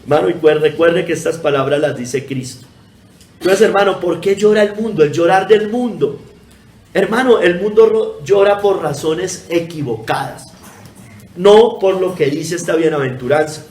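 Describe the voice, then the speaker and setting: A man's voice: high voice, moderate pace, a little mellow, echoey room. A man preaching a sermon, emphatic and repetitive, often calling out to his congregation. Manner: emphatic preaching, repeatedly addressing the congregation as brothers. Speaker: pastor.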